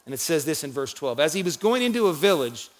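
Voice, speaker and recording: A male pastor delivering a sermon, swinging from loud calls to quiet, low lines. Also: very animated, quick pace. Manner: preaching with dramatic swings in volume and pitch, shouting the cries.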